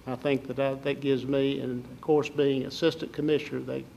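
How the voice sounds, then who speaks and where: An older man from southern Alabama with a Southern Alabama accent, giving folksy, halting interview answers as a political candidate. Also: medium pitch, little pitch movement, creaky, dark tone, muffled recording, a little hiss or hum.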